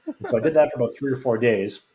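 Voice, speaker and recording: Fast-talking man with a roomy echo. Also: medium pitch, dark tone, slight background noise. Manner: rambling, frank anecdotes with many restarts. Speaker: podcast guest. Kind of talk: casual storytelling.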